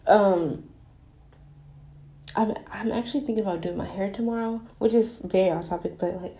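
A woman's voice: medium pitch, normal speed, dark tone. A young adult woman giving an earnest, rambling, casual confessional monologue, recorded in an echoey bathroom. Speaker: podcast host. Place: small bathroom, in the bathtub.

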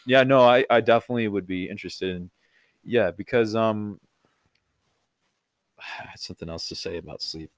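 A man's voice: fairly low pitch, dry recording. A man in a casual podcast chat who agrees readily and chimes in often. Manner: agreeable, quick to chime in with "yeah".

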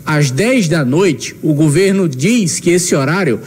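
A man's voice: fairly high pitch, expressive, a little slow, darkish tone, breathy edge. A man giving a live sports radio report remotely from home. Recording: remote home link, faint background noise.

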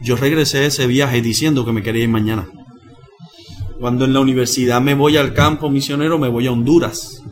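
A man, a missionary pastor who tells his story in a lively, dramatic way and slows down for the lines he quotes. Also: medium pitch. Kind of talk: animated personal storytelling.

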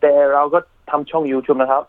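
A man with an English-speaking foreigner's accent, answering interview questions politely in halting, broken learner's Thai with English words mixed in. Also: fairly high pitch, little pitch movement, a little hiss or hum. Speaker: interview guest, YouTuber. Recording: thin narrowband phone or radio line.

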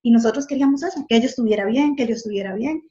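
A woman's voice: fairly high pitch, racing, dark tone, a little hiss or hum. A middle-aged woman telling her story earnestly, often ending phrases with a tag question. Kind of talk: personal testimony. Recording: dull lo-fi sound.

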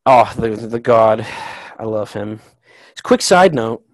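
A man co-hosting a casual podcast, rambling excitedly about comic villains with frequent restarts. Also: fairly low pitch, slow, dry recording, low-quality recording. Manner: rambling, excitable fan talk with many restarts. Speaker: podcast co-host. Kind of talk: casual chat.

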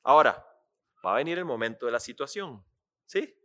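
A man preaching a sermon, animated and asking listeners questions. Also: mid-range voice, moderate pace. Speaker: pastor.

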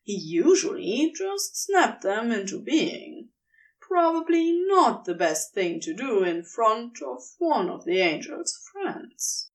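A woman reading a fanfiction audiobook with wry, unhurried storytelling. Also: on the high side, very animated, distant mic. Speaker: podfic reader.

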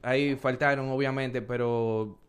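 Upbeat Dominican podcast host. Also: male voice, mid-range voice, steady tone, a little slow, clean tone. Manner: upbeat, presenting and teasing. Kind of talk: casual chat.

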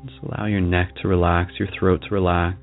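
A man leading a guided meditation in a soft, calming, unhurried manner with long pauses. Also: sits low, vocal fry, narrow, tinny audio. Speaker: meditation guide, show host. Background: music.

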